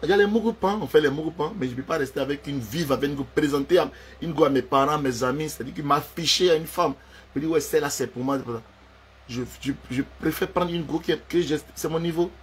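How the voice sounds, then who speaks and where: A man's voice: a little high, fast talker, slight background noise. A man, delivering a heated, confrontational personal rant and repeating himself for emphasis.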